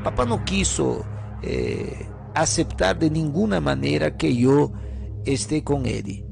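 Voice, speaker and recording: A male storyteller with a high, gravelly voice, narrating a first-person story in a hesitant manner, often pausing on fillers. Faint music plays in the background. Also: darkish tone.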